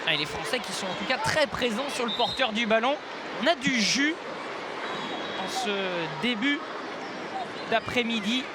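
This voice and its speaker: Male football commentator, very high pitch, excited sports commentary, noisy outdoor ground. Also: normal speed, long pauses. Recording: clear outdoor stadium noise behind. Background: outdoor ambience of a football match.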